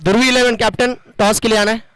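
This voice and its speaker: Male cricket commentator, strikingly high register, theatrical emphasis, dry sound. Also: steady tone, a bit bright, smooth, no echo, rough recording. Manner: dramatic, flowery phrasing with drawn-out emphasis. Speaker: cricket commentator and match announcer.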